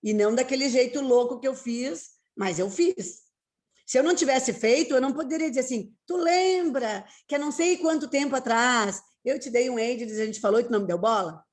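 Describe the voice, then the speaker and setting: A woman's voice: high-pitched, animated, a little fast. A woman guest, talking earnestly and repeating her points for emphasis. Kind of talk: casual interview talk.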